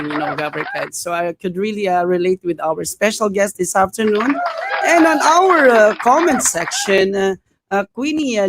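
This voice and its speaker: A man hosting a live online interview show, speaking haltingly with many fillers and warm praise for his guest. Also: high-pitched, heavy background noise. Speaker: host.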